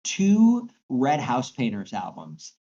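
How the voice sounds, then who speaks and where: A man's voice: medium pitch, wildly swooping pitch, slow, mellow. Man, podcast co-host, casual music chat, repeats words, slightly muffled lo-fi sound. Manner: hesitant, repeats words while thinking.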